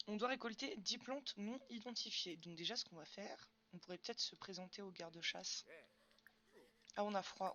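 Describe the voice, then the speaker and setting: A woman's voice: mid-range voice, pushed and bright, slight background noise. A young woman chatting casually on a game stream, answering chat questions with lots of fillers. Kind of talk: casual live-stream chat while gaming.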